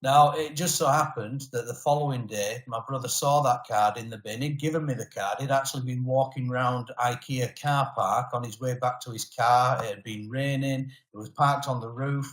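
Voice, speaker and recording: A man's voice: medium pitch, fairly even intonation, moderate pace, hardly any pauses, fairly bright tone. A man, giving a motivational webinar talk as a network marketing presenter, telling his personal story earnestly. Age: 40s. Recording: roomy echo.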